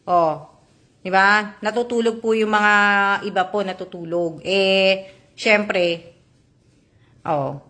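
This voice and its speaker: Speaking slowly with long pauses, the Filipina streamer has a mid-range, fairly bright voice. She chats politely while reading comments from viewers, filling the gaps with fillers and tag questions.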